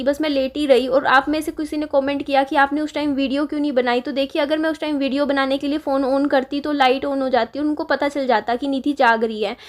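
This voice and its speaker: High-voiced young woman venting. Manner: upset, halting, many restarts. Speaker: vlogger. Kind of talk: casual confessional vlog.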